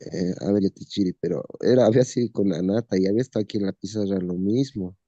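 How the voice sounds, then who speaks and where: Male student, hesitant, thinking aloud, very dark deep voice, low pitch, lo-fi call audio. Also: fast, no echo.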